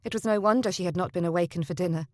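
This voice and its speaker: A woman's voice: lowish voice, racing, a little mellow, dry recording. Woman narrating a novel, dry close sound. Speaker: audiobook narrator. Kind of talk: scripted narration.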